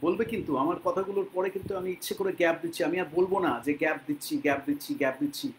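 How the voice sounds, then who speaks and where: A man from Bengal teaching English to learners, speaking patiently and repeating words slowly so they can copy them. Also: a little high, slight background noise, low-quality recording. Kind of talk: spoken English lesson in Bengali.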